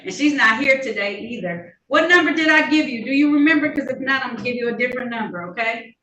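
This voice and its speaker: A woman's voice: sits high, fast talker, bright, forceful tone. A woman presiding as a judge, firm but kindly, heard on a courtroom recording. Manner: firm but kindly, repeatedly addressing the defendant by name. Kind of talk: presiding over a court hearing. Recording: echoey courtroom recording from a distance.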